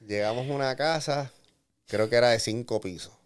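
A man with a Puerto Rican accent tells a rambling story in relaxed, slangy chat. His voice sits at an ordinary middle pitch. He loops back and restarts phrases as he goes. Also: normal speed, clean tone. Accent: Puerto Rican Spanish. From Puerto Rico. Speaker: guest storyteller. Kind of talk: casual anecdote telling.

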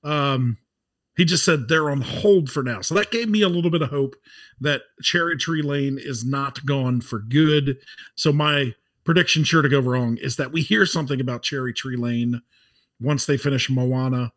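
A man's voice: medium pitch, moderate pace, a bit bright. An American man co-hosting a podcast in a casual, conversational style. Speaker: podcast co-host.

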